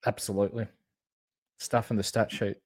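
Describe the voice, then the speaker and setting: A man's voice: fairly low pitch, little pitch movement, normal speed, darkish tone, slightly rough, no echo. A man with a broad Australian accent, talking in an informal, agreeable, slangy way as a sports podcast co-host. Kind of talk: casual basketball analysis chat.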